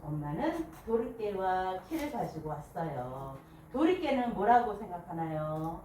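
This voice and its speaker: A woman's voice: on the low side, very animated, measured pace, mellow. A woman reading a picture book aloud to a small group, telling it expressively and asking the listeners questions. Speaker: picture book reader at a book club. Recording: echoey room, distant mic, faint hiss.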